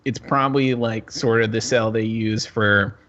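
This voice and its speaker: A lower-pitched man narrating a tabletop game as its game master. He describes the scene loosely and unhurriedly. The audio is slightly dull and lo-fi. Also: steady tone, normal speed, a bit bright, slight background noise.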